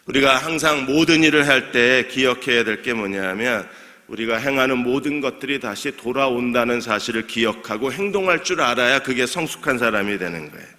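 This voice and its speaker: Korean pastor preaching in a reverberant church. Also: male voice, mid-range voice, expressive, fairly quick, bright, forceful tone. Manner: asks the congregation questions and answers them himself; jokes lightly and laughs with the congregation. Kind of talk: sermon. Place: church sanctuary. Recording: long church hall reverb.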